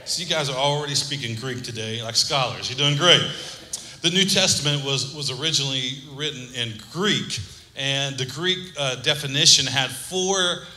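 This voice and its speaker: A pastor preaches a sermon in a large hall, getting the congregation to repeat words back and joking between points. His mid-range voice is bright and forceful, at a normal speed.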